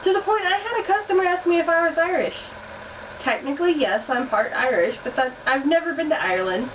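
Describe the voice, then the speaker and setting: A young woman with a high, lively voice talks briskly and bluntly in her casual accent challenge vlog, cursing now and then. The recording was made at home and sounds distant and muffled, with heater noise.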